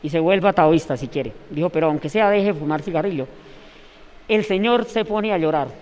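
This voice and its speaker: A man's voice: a little high, normal speed, darkish tone, in a large hall, dull audio. A man telling a long story in an interview, rambling and restarting his words. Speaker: interviewee recounting events.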